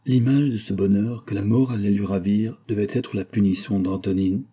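Male audiobook narrator, very dark, husky tone, expressive literary reading. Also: on the low side, normal speed. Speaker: audiobook reader. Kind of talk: scripted narration.

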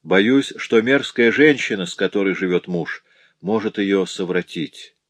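A man's voice: sits low, measured pace, no room sound. A man voicing a grieving beaten mother. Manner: sorrowful, pleading storytelling.

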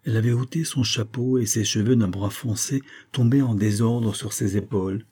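Man reading an audiobook, dark mellow tone, bit husky, calm and measured. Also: fairly low pitch. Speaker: audiobook reader. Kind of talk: audiobook narration.

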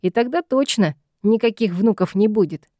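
A woman's voice: mid-range voice, expressive, moderate pace, mellow, dry recording, clean studio sound, lightly acted. A woman reading an audiobook, voicing an exasperated young man who pleads with his meddling mother. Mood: wry.

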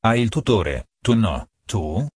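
A man's voice: on the low side, sing-song, slow, darkish tone, husky, dry recording, studio quality, heavily acted. A man reading the lines of a rude, angry hospital doctor who gives brusque orders, in an audiobook. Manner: brusque, commanding.

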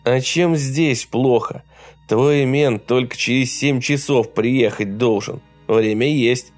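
A man's voice: medium pitch, takes it slowly, faint music behind, close to an everyday voice. A man voicing a coarse bandit ringleader who barks threats and insults. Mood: rough threatening. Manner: crude, bullying, barking threats.

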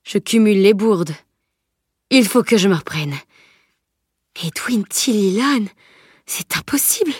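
A woman voicing a boastful, hot-headed adult male knight in a storybook reading, speaking loudly and proudly. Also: medium pitch, normal speed, pauses often, breathy edge, no echo, clean studio sound, lightly acted. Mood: dismayed. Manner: loud and boasting.

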